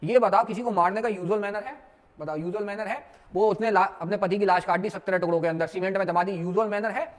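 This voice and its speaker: High-voiced man teaching law. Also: steady tone, fast. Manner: storytelling, mixing Hindi and English, asks students questions. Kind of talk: exam lecture.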